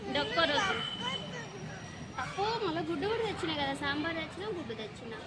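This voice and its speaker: High-voiced mother over loud crowd. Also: expressive, fast talker. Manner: coaxing, talks to her son and the camera. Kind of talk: casual vlog chat. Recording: loud outdoor crowd noise.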